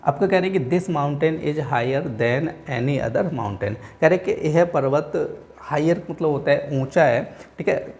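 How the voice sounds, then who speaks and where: A man teaching English grammar in a Hindi-language class, with an Indian accent, who keeps repeating "theek hai" and slows down to read example sentences word by word. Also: on the high side, lively intonation, a little mellow. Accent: Indian English, Hindi-speaking. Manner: repeats "theek hai" and "aap log dhyan rakhen" often.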